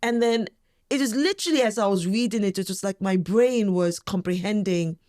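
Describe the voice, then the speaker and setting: A forthright woman in her forties speaks as an interview guest with a firm, emphatic delivery. Her voice sits at an ordinary middle pitch. She talks candidly and openly in a relaxed conversation. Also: normal speed. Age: 40s.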